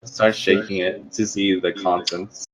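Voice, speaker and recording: A man's voice: sits low, little pitch movement, unhurried, low-quality recording. A man playing a tabletop game, describing his character's actions in a matter-of-fact way. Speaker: player. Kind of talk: tabletop game play over voice chat.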